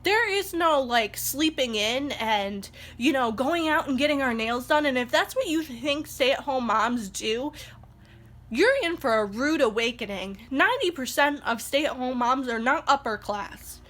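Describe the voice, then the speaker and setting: In a high, expressive, fairly bright voice at a measured pace, a young mom who stays at home vlogs casually indoors while congested from allergies. Her heartfelt, rambling talk grows indignant.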